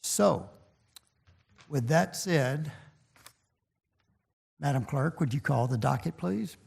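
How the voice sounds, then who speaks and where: Older judge guy, slow and creaky, mellow voice, formal court remarks. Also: a little high, animated. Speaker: chief justice presiding in court.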